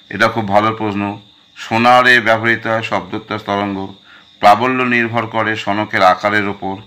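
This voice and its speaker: A man's voice: fairly low pitch, sharp tone. A man teaching a school physics revision lesson, going through questions one by one and speaking directly to his students. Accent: Bengali.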